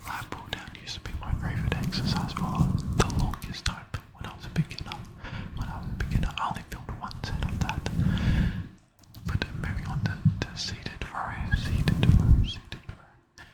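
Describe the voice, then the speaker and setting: Male fitness vlogger for ASMR voice-over: fully whispered, breathy, right-in-the-ear delivery on a close mic, words gently repeated. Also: normal speed. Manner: repeats words and phrases softly. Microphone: close mic with fluffy cover.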